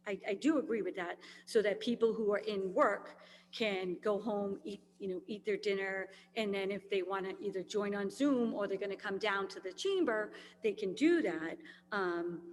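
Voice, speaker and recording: A tired woman whose voice is wearing thin talks at a committee meeting. She rambles and circles back, filling pauses as she goes. A long reverb from the room trails her words, over a faint hum. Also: medium pitch. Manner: rambling, many fillers. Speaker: school committee member. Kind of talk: meeting discussion.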